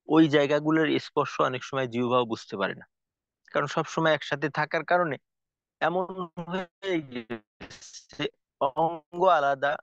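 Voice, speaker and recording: A man teaching a tajweed lesson, explaining slowly and carefully with frequent pauses and fillers. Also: a little high, a bit bright, no echo. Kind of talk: recorded lesson lecture. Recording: dull lo-fi recording, dry.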